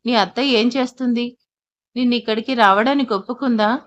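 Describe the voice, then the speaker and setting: A woman's voice: fairly high pitch, moderate pace, lo-fi sound, lightly acted. A woman voicing a kind, reassuring elder mother. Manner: warm, reassuring. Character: kindly middle-aged mother-in-law.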